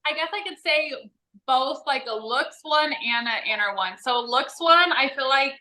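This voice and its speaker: A woman's voice: sits high, normal speed, bright, forceful tone, low-quality recording. A young woman in a casual Q&A chat with a friend, speaking informally with slang and lots of "like". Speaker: vlog co-host.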